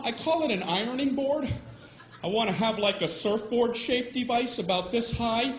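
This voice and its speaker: A wry male comedian works through an incredulous stand-up bit, voicing his characters as he goes. His voice sits high and rings through a roomy club over steady background noise. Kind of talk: stand-up routine.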